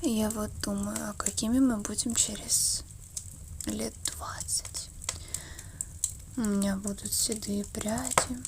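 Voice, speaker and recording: A woman in an ASMR role-play as an affectionate, wistful girlfriend, murmuring slowly and intimately between a soft voice and a soft voice. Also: mid-range voice, steady tone, gravelly, noisy background.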